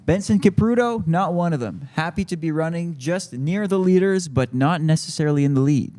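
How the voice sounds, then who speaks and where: A man's voice: fairly high pitch, lively intonation, fairly quick, dark tone. A man giving conversational sports commentary on a live stream, chatty and ready with opinions and anecdotes.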